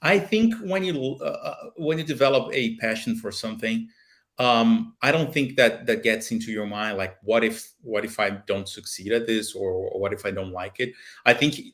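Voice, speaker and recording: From a small home office with a plane picture on the wall, a Brazilian man in his thirties joins a casual interview via webcam video call. Medium-pitched, fairly bright and at a moderate pace, he speaks with a Brazilian Portuguese accent. The pilot and aviation video maker sounds earnest, with frequent fillers and restarts.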